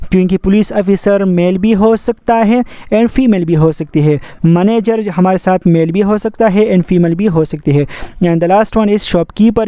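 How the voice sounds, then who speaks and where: Methodical male teacher, high and mellow. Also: smooth, no room sound, clean studio sound. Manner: repetitive, methodical, mixes English terms into Hindi-Urdu. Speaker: English teacher. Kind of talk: grammar lesson explanation.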